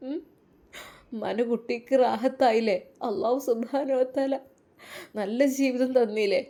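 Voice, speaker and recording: A woman voicing a tender older mother who soothes her daughter in a soft, coaxing way. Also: on the high side, steady tone, normal speed, natural voice. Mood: tender, soothing.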